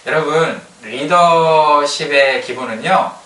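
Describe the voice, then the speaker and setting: Brief: man, pastor, animated colloquial sermon, higher bright voice, roomy distant sound. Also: takes it slowly. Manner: lively, colloquial preaching with acted-out quotes. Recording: roomy hall sound, distant mic, faint ambience.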